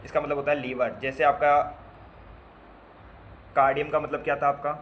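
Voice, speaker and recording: A man's voice: on the high side, level tone, moderate pace, fairly bright tone, slight background noise. A man teaching basic medical terms to nursing students in a casual lecture, spelling out word parts, repeating them and quizzing his students with playful asides. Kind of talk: classroom lecture.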